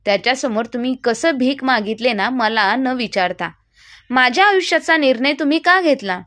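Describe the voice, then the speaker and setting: Stubborn young wife, sharp and defiant, bit high-pitched, a woman reading her. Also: lively intonation, moderate pace, no room sound, clean studio sound. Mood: indignant.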